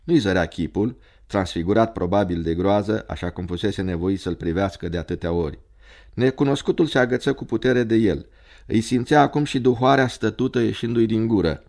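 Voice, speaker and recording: A man narrating a story in a measured, dramatic reading. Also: fairly low pitch, creaky, a little mellow.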